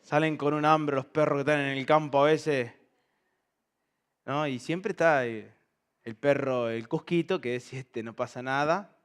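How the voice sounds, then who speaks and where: A man's voice: fairly high pitch, steady tone, unhurried, clear, resonant tone. A man pastor, preaching a sermon to his congregation, humorous and full of rhetorical questions. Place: church service before a congregation.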